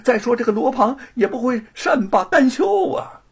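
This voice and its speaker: A man's voice: on the high side, big pitch swings, slow pace, vocal fry, breathy edge, heavily acted. A man voicing a cowardly middle-aged male prefect who whimpers and sighs in panic. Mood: panicked, fretful. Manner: wailing, whimpering, sighing.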